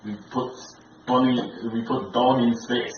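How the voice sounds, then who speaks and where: A man's voice: medium pitch, unhurried, lightly acted. A young man playing a scheming Russian company man in a fake Russian accent, speaking broken English in a student skit. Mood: smug. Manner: broken grammar, deadpan boasting. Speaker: student actor in class skit. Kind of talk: amateur school skit. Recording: roomy, dull lo-fi, clear background noise.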